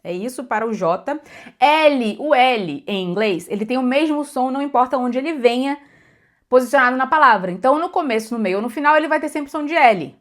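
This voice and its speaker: A young adult woman with a Brazilian accent gives a casual pronunciation lesson. Her voice sits a little high, and she talks in a chatty way. She keeps repeating words for emphasis and checking in with her listeners. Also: a little fast. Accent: Brazilian Portuguese. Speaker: English teacher.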